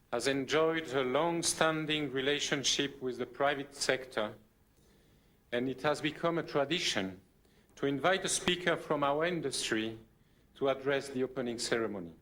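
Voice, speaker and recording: A man's voice: medium pitch, moderate pace, fairly bright tone, slight background noise. A man delivering a formal, ceremonious opening address as an official, greeting dignitaries by protocol.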